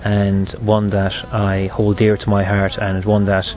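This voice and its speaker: Irish guy from the west, 30s, west of ireland accent, halting testimony about his faith, really monotone, bit muffled w quiet music under. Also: fairly low pitch. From Galway, west of Ireland. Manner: halting, reflective delivery. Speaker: seminarian giving a personal testimony.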